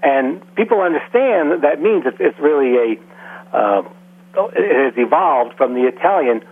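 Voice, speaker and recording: Male radio guest, measured explainer, raspy voice, tinny telephone quality. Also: on the high side, animated. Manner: measured, explanatory, with frequent fillers. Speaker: guest language expert. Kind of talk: casual radio interview. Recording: phone-like, husky radio line.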